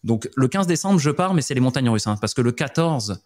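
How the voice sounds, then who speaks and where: Animated French storyteller man, podcast guest. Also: medium pitch, a little fast. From France, Montpellier area. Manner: animated, vivid storyteller with frequent "tu vois".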